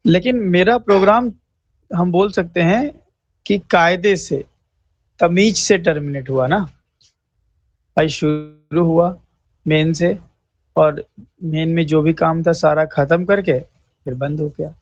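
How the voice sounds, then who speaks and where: Slow, deliberate male coding teacher. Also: fairly high pitch, no room sound. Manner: slow, repetitive, checks in with "thik hai" often; clears throat now and then. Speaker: programming teacher. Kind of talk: screen-recorded coding lesson. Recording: dry, slightly dull mic.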